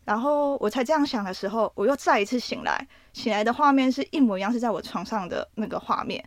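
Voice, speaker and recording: Lively Taiwanese woman telling a story. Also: a little high, fast, no room sound. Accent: Taiwanese Mandarin. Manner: animated, laughs often while telling a story. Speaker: podcast co-host. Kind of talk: casual storytelling chat.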